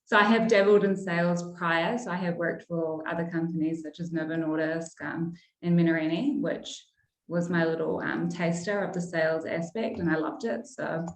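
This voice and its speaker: A woman's voice: lowish voice, fairly even intonation, normal speed. Chatty woman guest in an echoey room. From Iraq. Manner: friendly, chatty, frequent ums. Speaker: pharmacist and sales manager, podcast guest. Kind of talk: casual interview answers. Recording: roomy echo.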